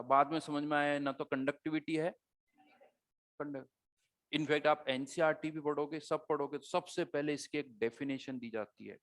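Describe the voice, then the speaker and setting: A man teaching a chemistry class, explaining concepts conversationally and asking his students rhetorical questions as he goes. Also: on the high side. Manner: conversational teaching, mixing Hindi with English terms, rhetorical questions. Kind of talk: classroom lecture.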